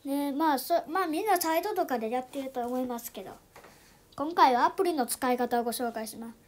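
A YouTube channel host with a high, light voice walks viewers through a phone app in a casual tutorial, talking fairly quickly. She is chatty, fills her speech with little fillers, and often slips into soft, almost whispered asides.

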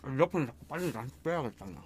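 A man eating on camera, mumbling short, slow remarks with his mouth full while chewing. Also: mid-range voice, lively intonation, slight background noise. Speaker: mukbang creator. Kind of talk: casual eating commentary.

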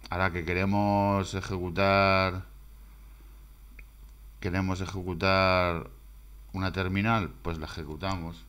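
A man with a deep, low voice talks casually while walking through something on his computer screen. He rambles, restarts and repeats phrases as he thinks aloud, in an offhand, unscripted way. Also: clear, resonant tone. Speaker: screencast maker. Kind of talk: casual screen-recorded demo.

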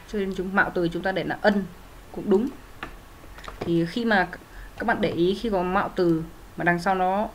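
A woman with a lowish voice goes through English grammar exercises, explaining the answers step by step in a methodical way. She uses frequent fillers and corrects herself often. A little hiss or hum is audible.

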